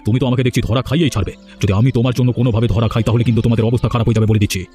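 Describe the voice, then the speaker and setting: A man's voice: medium pitch, fairly even intonation, very fast, dark tone, faint music behind, pitched below the performer's own voice, close to an everyday voice. A man voicing a shady, threatening buyer in a cartoon. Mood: menacing.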